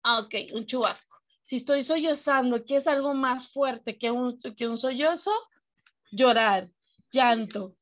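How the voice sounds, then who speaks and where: A woman's voice: high-pitched, unhurried. A woman teacher with a Mexican accent giving an online class over a video call, explaining patiently and often asking her students questions.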